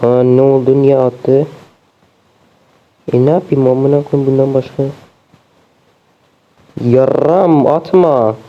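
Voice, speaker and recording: A man's voice: medium pitch, steady tone, takes it slowly, pauses often. A young man commentating a game as he plays, swearing constantly and sounding exasperated. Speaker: gameplay streamer. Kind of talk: let's play commentary. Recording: dull lo-fi sound.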